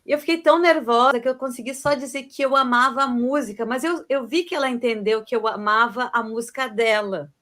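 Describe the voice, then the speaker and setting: A young woman with a fairly high voice talks casually on a live stream. She agrees readily and adds her own experience in an easy, conversational way. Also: brisk, hardly any pauses. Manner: warm, agreeing, telling a personal anecdote. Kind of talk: casual chat.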